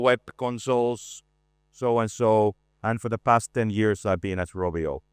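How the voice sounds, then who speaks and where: A man in his forties giving a conference presentation, relaxed and self-deprecating, with frequent hesitations and a voice worn from talking a lot. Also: on the low side, clean tone, no room sound, studio quality. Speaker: conference speaker, art director. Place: conference stage.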